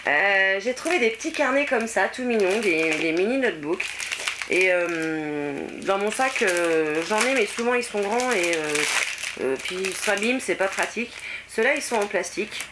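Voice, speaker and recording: A woman's voice: medium pitch, expressive, normal speed, background noise. A middle-aged French woman chatting casually through a shopping haul, with many hesitations and fillers. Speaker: vlogger. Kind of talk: casual haul video chat.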